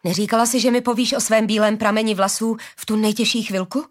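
A woman voicing an excitable, curious male scholar who talks eagerly in a storybook reading. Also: on the high side, close to an everyday voice.

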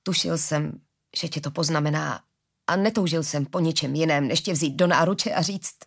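A woman reads a storybook's lines for a gentle, forgiving father, speaking slowly and earnestly in a low, husky voice. She gives him a full character voice.

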